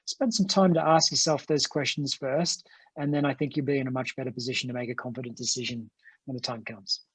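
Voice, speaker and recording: A man's voice: mid-range voice, steady tone, fairly quick, a bit bright, slightly rough, no room sound. Earnest man talking on a dry video call. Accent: non-American English. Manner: earnest, enthusiastic, repeats words as he restarts. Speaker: franchise company executive, guest. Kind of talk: conversational interview answers.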